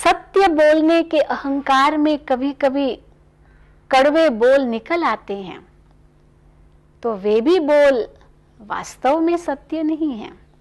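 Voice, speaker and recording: A woman giving a spiritual talk on values, gentle, measured and instructive. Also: sits high. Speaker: spiritual speaker.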